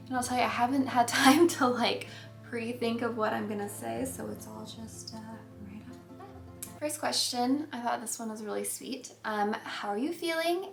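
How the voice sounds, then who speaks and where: A woman's voice: a little high, vocal fry, slight background noise. Breathless chatty young woman, echoey room. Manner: chatty, frequent ums, light laughs. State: slightly out of breath. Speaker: vlogger. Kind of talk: casual chat to camera. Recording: echoey room with faint music.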